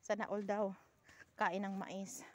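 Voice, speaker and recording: A woman's voice: medium pitch, little pitch movement, takes it slowly. A woman vlogging outdoors on a farm hillside, chatting with her viewers and exclaiming often. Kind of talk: casual vlog chat to viewers.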